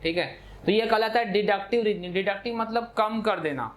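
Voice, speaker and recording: High-voiced male math teacher lecturing. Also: brisk. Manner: explanatory, repeats "ठीक है" often, mixes English terms in. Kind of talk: classroom lecture.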